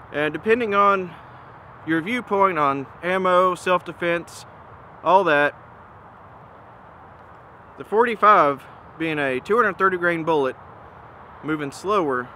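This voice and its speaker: A man presents a casual comparison outdoors in a bright, slightly high voice. He is informal and measured, offering opinions in an easygoing way. There is faint ambient noise around him. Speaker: gun reviewer and presenter. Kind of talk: casual product comparison talk to camera. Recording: noisy outdoor recording with ambient hum.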